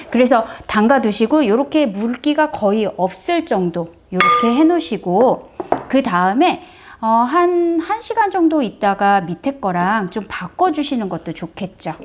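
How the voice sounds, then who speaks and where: Presenting for a brace clinic, a middle-aged woman chats through a step-by-step home demonstration in a friendly, explanatory way. Her fairly high voice is very animated and moves at a moderate pace, suiting this casual how-to.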